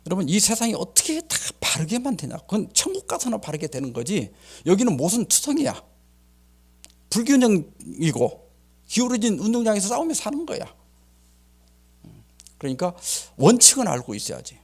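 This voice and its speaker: An older man, a pastor, preaching a sermon in an animated way and voicing the people in his stories. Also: high-pitched, moderate pace, slightly rough. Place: healing center meeting room.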